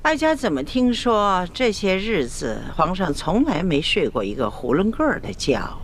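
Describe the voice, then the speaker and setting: An actress playing an elderly, shrewd empress dowager in a Chinese costume drama, measured and outwardly doting while sweetly passive-aggressive. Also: female voice, fairly low pitch, very animated, slight background noise. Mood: sweetly pointed. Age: older.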